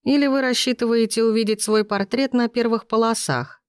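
A woman's voice: on the high side, steady tone, a little fast, clear, resonant tone, dry recording, clean studio sound, voice pushed up, natural voice. A woman voicing a sly, mocking male chief of detectives in an audiobook, her tone cool and needling.

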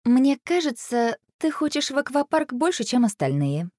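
A woman's voice: on the high side, sing-song, normal speed, darkish tone, no room sound, studio quality, pitched above the performer's own voice. A woman voicing a skeptical, demanding sparrow mother.

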